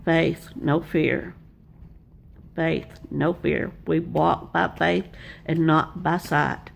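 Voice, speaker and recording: An older woman from Arkansas, US, a Bible teacher, gives a homespun devotional sermon, telling personal stories earnestly with repeated refrains. Her voice is low-pitched, creaky, and steady, extremely slow, with a little hiss or hum.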